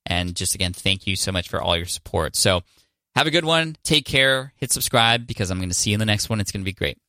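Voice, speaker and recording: A man's voice: on the low side, expressive, fast talker, sharp tone, dry recording, clean studio sound. A man hosting a business podcast, coaching his guest and wrapping up in an upbeat, encouraging, effusive way. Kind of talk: podcast coaching interview and outro.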